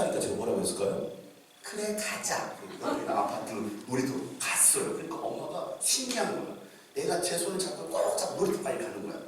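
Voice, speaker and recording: Lively high-voiced pastor in echoey hall. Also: male voice, a little hiss or hum. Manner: animated storytelling, acting out quoted voices. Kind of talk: revival sermon storytelling. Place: church sanctuary. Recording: echoey church hall from far off.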